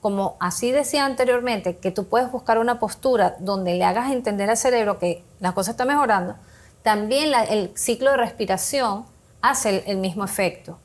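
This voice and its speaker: Appearing as a guest on a talk show, a woman who speaks on emotional health explains how to handle emotions, using everyday examples and acting out bits of self-talk. She has a mid-range voice and a moderate pace.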